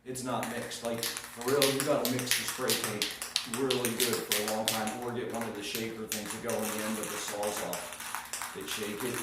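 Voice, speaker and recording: A DIY restoration vlogger, a man with a slight cold-induced sniffle, narrates a paint job on a frame step by step in a house's living room. His voice is fairly low with little pitch movement, at a moderate pace, soft-spoken, rambling, and self-correcting. He sits far from the mic in an echoey, noisy room.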